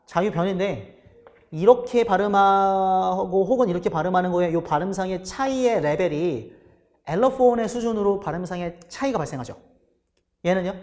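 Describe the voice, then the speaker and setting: A man's voice: sits high, a little mellow, in a large hall. A man giving a recorded exam-prep lecture. He asks the class questions and then answers them himself. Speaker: English teacher for exam prep.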